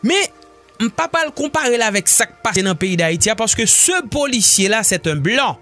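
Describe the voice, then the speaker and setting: Man, high voice, swooping animated delivery, faint music behind. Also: moderate pace. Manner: emphatic, mixing Haitian Creole and French. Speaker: radio show host. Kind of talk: impassioned news commentary.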